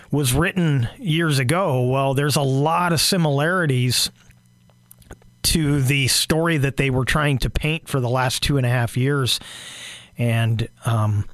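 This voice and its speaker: A hoarse man delivers solo political commentary at a middle pitch, stumbling through restarts and fillers as he goes. The sound is dry and close, with no room around it. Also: a bit bright, no echo. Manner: halting, many fillers and restarts. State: losing his voice, clearing throat.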